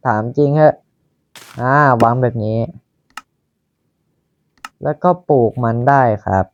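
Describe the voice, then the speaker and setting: Slow-talking Thai man, lo-fi. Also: medium pitch, a little mellow. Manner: slow, chatty, talking to himself while building. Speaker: Minecraft YouTuber. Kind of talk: casual gameplay commentary.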